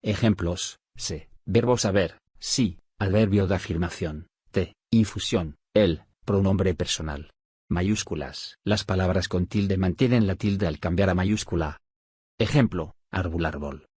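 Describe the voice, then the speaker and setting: A man reading spelling rules aloud as a scripted study audiobook, in a measured, list-like dictation with pauses. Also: deep voice, darkish tone, slightly rough, no room sound, clean studio sound. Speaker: audiobook narrator of a study syllabus.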